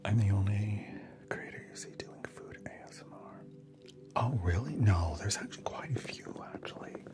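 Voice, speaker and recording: A man's voice: fairly low pitch, animated, moderate pace. A man whispering casually through an ASMR livestream, chatting with viewers and answering their comments between snacks.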